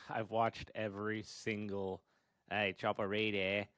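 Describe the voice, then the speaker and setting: A man's voice: on the low side, flat delivery, takes it slowly, fairly bright tone, clear, resonant tone, dry recording. A man hosting a podcast, chatting casually with enthusiastic laughs and casual swearing. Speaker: podcast host.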